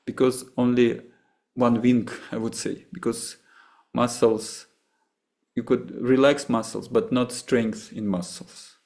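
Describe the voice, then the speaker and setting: Once the meditation session is over, its teacher, a man from Russia with a Russian accent, answers questions in a stumbling manner, often starting over as he searches for words. The pitch is medium, the tone level, the texture creaky and somewhat dark.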